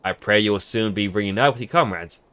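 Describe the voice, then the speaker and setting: A man voicing a courteous, formal knightly officer from a fantasy game, reading the dialogue aloud in a measured manner. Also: fairly low pitch, fairly bright tone, clear, resonant tone, natural voice. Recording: music behind the voice.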